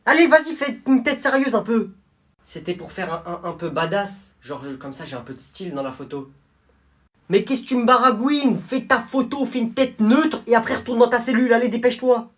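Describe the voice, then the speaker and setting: A man's voice: extremely high pitch, animated, brisk, fairly bright tone. A man performing comedy sketches, switching between a teacher, a guard and cheeky teenagers. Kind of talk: comedy sketches, playing several roles.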